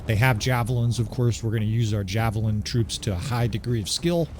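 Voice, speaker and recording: Over a slight hiss or hum, a man with a fairly low voice talks a bit quickly through a strategy game he's playing. His commentary stays casual and excited, and he keeps checking in with "right?"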